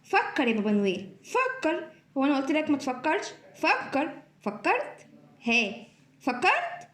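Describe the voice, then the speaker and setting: High bouncy voice, woman doing a clingy chatterbox xmas tree, echoey room. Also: wildly swooping pitch, normal speed, fairly bright tone, heavily acted. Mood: chatty, pestering. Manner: chattering, pestering, giggly. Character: chatty clingy talking Christmas tree, female. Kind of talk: children's play acting.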